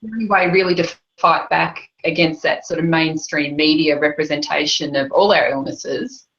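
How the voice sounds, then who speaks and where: Australian woman panelist, low voice, muffled lo-fi audio, emphatic. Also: steady tone, moderate pace, a bit bright. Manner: emphatic, indignant. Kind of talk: panel discussion. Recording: dull lo-fi sound.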